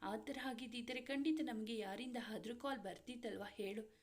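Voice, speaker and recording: A woman's voice: on the high side, steady tone, normal speed, close to an everyday voice. A woman reading aloud, voicing a worried young man who keeps pressing his friend with questions.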